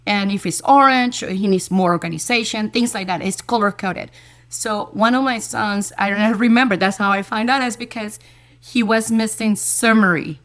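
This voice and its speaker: An enthusiastic woman teacher speaks as an interview guest in a middle-pitched voice. She talks in a lively, animated way and often repeats a word as she pushes her thought along. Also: moderate pace. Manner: lively storyteller who acts out quoted dialogue; enthusiastic, with frequent repeated words. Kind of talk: conversational interview storytelling.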